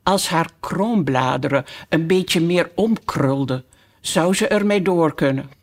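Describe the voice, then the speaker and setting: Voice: mid-range voice, unhurried. A storyteller voicing a haughty, imperious female tiger lily who scolds the other flowers in a grand, bossy manner. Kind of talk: audiobook character voice.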